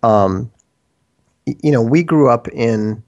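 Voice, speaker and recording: A man's voice: mid-range voice, slow pace, darkish tone, highs cut off. A man from Minnesota, a guest in a casual, rambling discussion. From United States, Minnesota. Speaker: interview guest.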